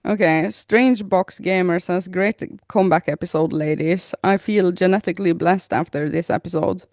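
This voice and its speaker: A woman in her thirties co-hosts a podcast, chatting casually and reading listener comments aloud while giggling often. Her voice is fairly low and darkish, with a steady tone at a moderate pace, in a dry, studio-quality recording.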